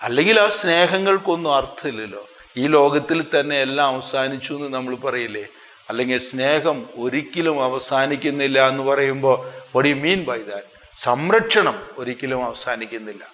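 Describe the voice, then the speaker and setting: Male priest, Malayali accent, sermon, sudden rises and drops in loudness, long hall reverb. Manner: expressive, with sudden swings in pitch and loudness; slows down sharply to stress phrases.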